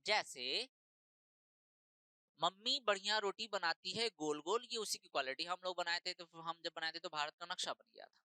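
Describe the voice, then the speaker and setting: Female tutor, exam-prep lecture, bright clear voice, dry close recording, slow over English text. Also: on the low side, no room sound, rough recording. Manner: explains in Hindi mixing in slow English phrases, repeats points. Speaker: teacher.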